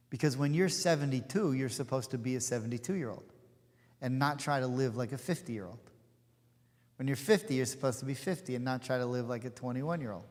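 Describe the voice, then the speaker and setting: Teaching an informal study session, this rabbi, a man in his forties, chats freely and digresses often, sprinkling in asides and fillers. He has a medium pitch with a somewhat dark tone, heard in a synagogue hall that echoes with long reverb.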